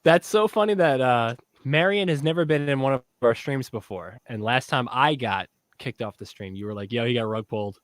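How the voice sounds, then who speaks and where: A tipsy man co-hosting a casual livestream chat, excitable and rambling, swearing as he talks. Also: medium pitch, moderate pace, few pauses, dry recording. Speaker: podcast co-host.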